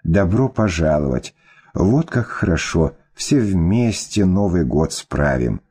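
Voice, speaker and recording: A man's voice: sits low, sing-song, slow, warm tone, breathy edge, exaggerated voice. A man voicing a cheerful older mother. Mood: welcoming. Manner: welcoming, surprised.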